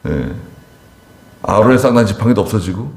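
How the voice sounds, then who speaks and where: A pastor delivering a Wednesday service sermon, telling stories with emphatic rises and quiet asides. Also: male voice, normal speed. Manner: animated storytelling, voice rising sharply for emphasis and falling low for asides. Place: church sanctuary. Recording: echoey church hall.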